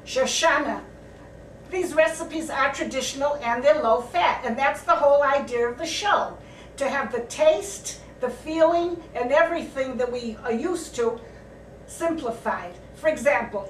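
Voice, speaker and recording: A woman's voice: high-pitched, slight background noise. An older woman hosting a home cooking show, talking in a plain, homey, grandmotherly way. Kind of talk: casual cooking show chat. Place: home kitchen. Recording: echoey kitchen, mic at a distance.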